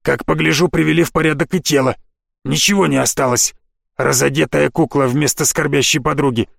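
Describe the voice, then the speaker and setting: Brief: narrator playing a hot-headed assassin for a storybook, gravelly and snarling, slightly raised pitch. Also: male voice, steady tone, a little fast, no echo, studio quality, heavily acted. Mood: enraged. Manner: shouting, rough and aggressive. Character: furious young male assassin, blunt and sarcastic.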